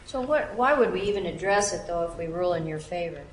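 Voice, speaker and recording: A woman's voice: on the low side, lively intonation, quick pace. A woman judge questioning a lawyer from the bench in a direct, probing way. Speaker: appellate judge. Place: courtroom. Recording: roomy courtroom sound with faint noise.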